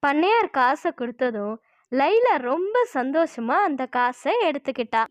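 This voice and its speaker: A woman narrating a children's cartoon story in a plain, steady way. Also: high-pitched, normal speed, no echo.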